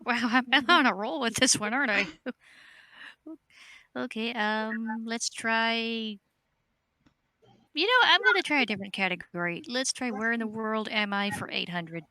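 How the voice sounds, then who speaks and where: A woman's voice: a little high, moderate pace, pauses often, sharp tone. A woman playing in an online quiz game on a voice call, hesitant and often starting with filler sounds. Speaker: quiz contestant. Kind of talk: casual chat on a voice call.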